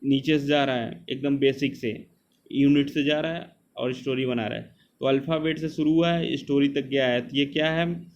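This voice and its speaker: A man teaches an exam coaching lesson, drilling terms by saying them again and again. His voice sits at a mid pitch. The recording is slightly dull and lo-fi, with a faint hiss underneath. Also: steady tone, moderate pace, darkish tone.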